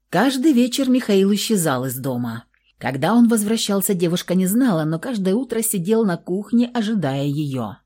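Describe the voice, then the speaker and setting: A woman narrating a novel aloud in an expressive, dramatic audiobook style. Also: lowish voice.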